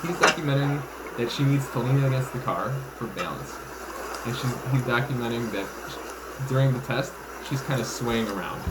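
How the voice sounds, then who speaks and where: A veteran police officer breaks down a DUI arrest video, offering blunt, profane, casual explanations. He speaks at a moderate pace with a medium-pitched voice, recorded in a roomy, echoey space with faint background noise.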